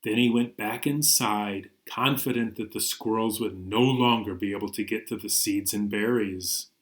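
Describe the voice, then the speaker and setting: A man with a lowish voice and fairly even intonation speaks at a moderate pace. Hosting storytime as a librarian reader, he offers young children animated stories and songs, reading and singing with playful expression and sudden emphasis.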